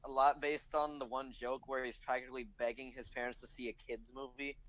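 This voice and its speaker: Rambling man with a mid-pitched voice. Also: little pitch movement, fairly quick, a bit bright, a little hiss or hum, rough recording. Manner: rambling, hesitant. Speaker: podcast co-host. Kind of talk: casual podcast chat.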